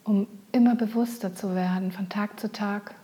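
A woman guiding a meditation in a soft, breathy near-whisper, gentle, soothing and unhurried. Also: mid-range voice, fairly even intonation. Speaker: meditation guide. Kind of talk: guided meditation.

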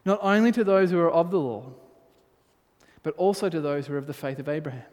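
A man's voice: a little high, brisk, a little mellow. A man preaching a sermon as pastor, reading scripture aloud and then pressing his points with rising emphasis. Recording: long hall reverb.

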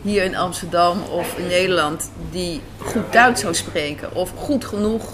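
Her pitch is fairly low and her pace unhurried, with crowd noise audible behind her. As a guest being interviewed, the woman, a writer and director, answers in a reflective, conversational way and gropes for words as she talks, recorded on site at an Amsterdam café and square full of city ambience.

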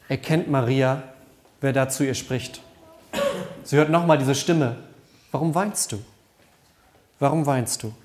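A man's voice: mid-range voice, darkish tone. A pastor preaching a sermon at a church service, earnest and conversational, often repeating his phrases.

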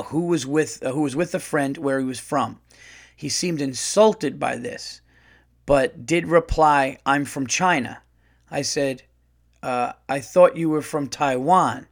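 A middle-aged man hosts a loose comedy podcast, reading listener letters aloud. He reacts bluntly and animatedly, laughing and swearing. His voice sits a bit high for a man. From United States. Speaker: podcast host.

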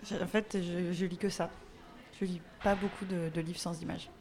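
A woman's voice: fairly low pitch, level tone, moderate pace, darkish tone, slight background noise. A woman guest on a live podcast panel, talking in a laid-back, slangy way. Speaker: guest comic author. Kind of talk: casual panel chat. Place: live stage before an audience.

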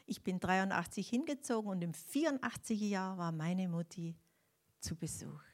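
A woman's voice: medium pitch, normal speed. An older woman tells her faith testimony to an audience, emotionally shaken and acting out the dialogue as she goes. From Austria. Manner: animated storytelling, acts out dialogue. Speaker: speaker giving a faith testimony.

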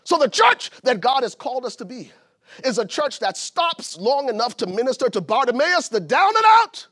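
A pastor from Liberia preaching a sermon, building to shouted emphasis. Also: male voice, very high-pitched, big pitch swings, moderate pace. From Liberia, West Africa.

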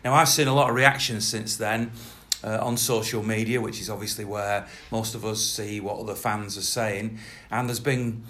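A man's voice: fairly low pitch, steady tone, moderate pace, bright, forceful tone. A man presenting a football podcast in a rambling, conversational way.

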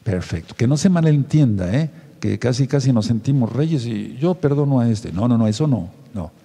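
A man's voice: medium pitch, expressive, moderate pace, warm tone, husky. A man preaching a sermon and leading the listeners through affirmations they repeat after him. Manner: leads the listeners in repeating phrases. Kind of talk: sermon with call-and-response affirmations. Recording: long hall reverb.

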